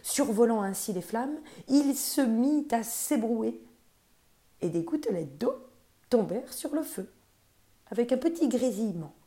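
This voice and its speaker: A woman storyteller reading a children's story aloud in a gentle, expressive way. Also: a little high, a little slow.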